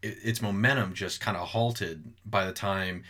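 Low bright-voiced guy rambling on a movie podcast, lots of likes and restarts. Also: unhurried. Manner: rambling, many "like" fillers and restarts. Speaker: podcast co-host. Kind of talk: casual movie podcast chat.

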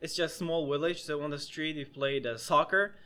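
A man's voice: on the high side, steady tone, moderate pace, bright, forceful tone, clean tone. A young man hosting a casual podcast chat, talking hesitantly with many restarts and fillers. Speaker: podcast host.

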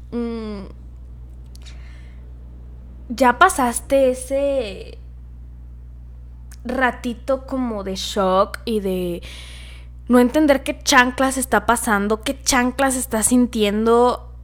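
A young woman hosting a casual advice monologue, affectionate and chatty, often laughing and sometimes dropping to a soft murmur. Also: mid-range voice. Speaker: podcast host.

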